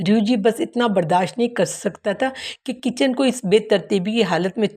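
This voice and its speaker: Woman audiobook narrator, steady storyteller, plain unhurried delivery. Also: medium pitch. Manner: steady storytelling, occasional self-corrections.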